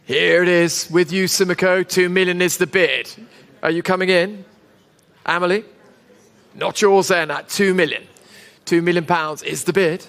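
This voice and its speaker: High-pitched male auctioneer in a reverberant hall. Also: steady tone, moderate pace, vocal fry, a bit bright, smooth. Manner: repeats figures, coaxing bidders with polite patter. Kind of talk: live auctioneer calling bids. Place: large indoor auction saleroom.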